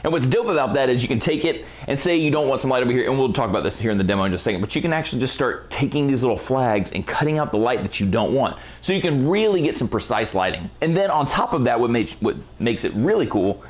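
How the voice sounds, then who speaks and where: A man teaching a casual photography lighting tutorial in a relaxed, slangy, enthusiastic way while he is losing his voice. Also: medium pitch, fast talker, hardly any pauses. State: losing his voice, clearing throat. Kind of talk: casual product walkthrough tutorial.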